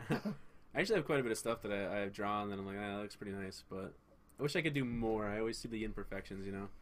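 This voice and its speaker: Fast-talking young man, rambling storyteller. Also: lowish voice, animated. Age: young adult. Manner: rambling, self-deprecating storyteller. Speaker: guest. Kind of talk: casual chat.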